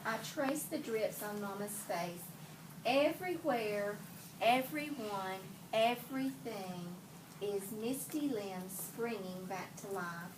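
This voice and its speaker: In a noisy, echoey classroom recorded from a distance, a woman teacher with a fairly high-pitched voice reads a picture book to young children. Her storytelling is animated, and she asks the kids questions and repeats their answers.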